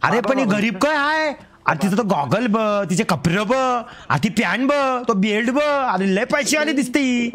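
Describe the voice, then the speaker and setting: A man playing a loud, boastful village character in a comedy roleplay game, with an Agri Koli Marathi accent and a rambling way of talking. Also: very high-pitched, lively intonation, normal speed.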